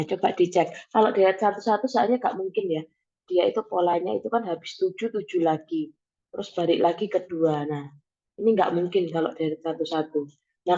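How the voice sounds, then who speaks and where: A woman's voice: lowish voice, mellow, lo-fi sound. A young woman tutoring math over a video call, explaining patiently step by step with many "nah" and "oke". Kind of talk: online math tutoring session.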